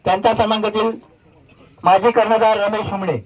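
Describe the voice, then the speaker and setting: A man's voice: sits high, fairly even intonation, lo-fi sound, a little hiss or hum. A man from Konkan working as announcer at a village cricket prize ceremony, formally reading out names one by one. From Konkan, India. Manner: reads names one by one in a formal, measured listing.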